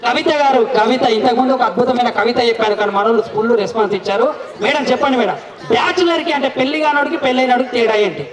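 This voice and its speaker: A man's voice: extremely high pitch, racing. A man working as emcee at a wedding celebration, bantering and playfully teasing the guests to draw answers and applause. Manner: teasing, playful, coaxing the crowd. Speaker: event emcee. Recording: echoey, distant mic with crowd noise. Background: crowd.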